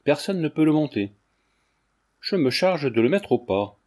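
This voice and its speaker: A man voicing a sly, teasing young gentleman in a mocking tone, reading a French novel as an audiobook. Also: fairly high pitch, sing-song, measured pace, voice pushed up.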